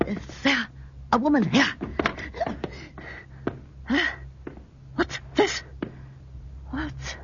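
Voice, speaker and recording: An actor playing a menacing soldier in a radio drama, slow and threatening. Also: male voice, very high voice, expressive, full character voice. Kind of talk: 1940s radio acting. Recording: muffled old radio recording with noise.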